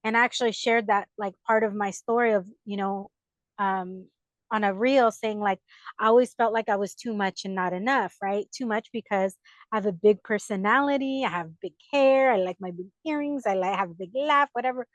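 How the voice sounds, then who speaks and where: A young woman whose first language is English hosts a podcast in a mid-range voice at a moderate pace, with no echo. Her interview chat is casual and animated, and she laughs often.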